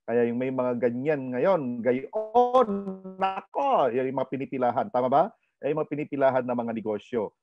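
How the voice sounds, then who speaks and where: Energetic Filipino male seminar presenter, lively delivery, dry and muffled webinar sound. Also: medium pitch, no room sound. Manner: animated, asks the audience questions, code-switches. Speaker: online orientation presenter. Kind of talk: energetic business seminar talk.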